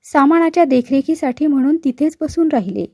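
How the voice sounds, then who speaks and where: Storybook: gentle, halting young wife, voiced by a woman, high, dry sound. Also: lively intonation, no room sound. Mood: wistful. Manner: soft, halting, reminiscent. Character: young wife, grieving and wistful.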